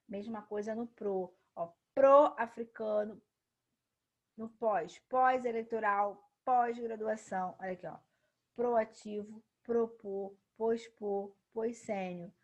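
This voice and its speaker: Woman teaching a grammar lesson. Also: medium pitch. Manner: explanatory, emphatic on key words, asks and answers her own questions.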